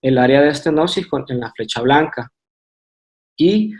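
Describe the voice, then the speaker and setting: A man's voice: mid-range voice, expressive, normal speed, a little mellow. A man with a Honduran Spanish accent presenting a radiology lecture from slides, methodical, with hesitant fillers and restarts.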